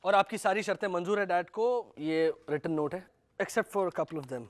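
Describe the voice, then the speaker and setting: An actor playing a calm grown son who explains things in a matter-of-fact way. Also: male voice, sits high, a little slow.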